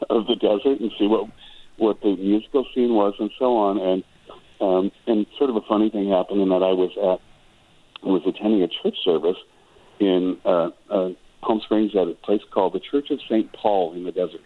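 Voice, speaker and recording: This radio interview guest is an older musician and choral director from Wisconsin whose very low voice comes across tinny, like a phone call. His intonation is fairly even and his pace moderate as he reflects and rambles, restarting sentences often.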